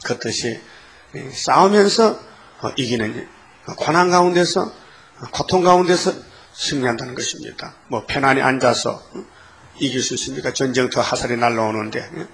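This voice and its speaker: An older man preaching a sermon, emphatic and repetitive, often asking his listeners for a response and reading scripture slowly and solemnly. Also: medium pitch, a bit bright. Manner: emphatic, repeats phrases, asks the congregation "예?". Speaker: pastor.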